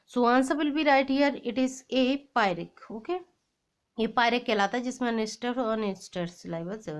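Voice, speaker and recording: Slow, high-voiced woman teaching exam prep. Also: muffled recording. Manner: reads the English question slowly, then explains in quick mixed Hindi and English. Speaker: English teacher. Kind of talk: exam-prep lesson, reading out quiz questions.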